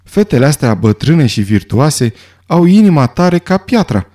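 A man's voice: on the high side, very animated, mellow. A man voicing a blunt, plain-spoken middle-aged detective.

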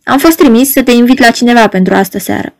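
A woman's voice: a little high, darkish tone, natural voice. A woman reading an audiobook, voicing a cold, mocking red-haired male stranger in a dry, curt, scornful manner. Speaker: audiobook reader. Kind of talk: audiobook narration.

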